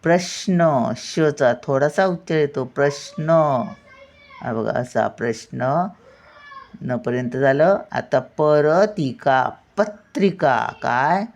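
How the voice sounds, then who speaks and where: An older woman teaches spelling to children at a very unhurried pace. Her voice carries a gravelly rasp, and she patiently breaks each word into its syllables. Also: low-pitched, expressive, a little mellow. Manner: patient, sounds out words syllable by syllable. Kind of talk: slow spelling lesson for children.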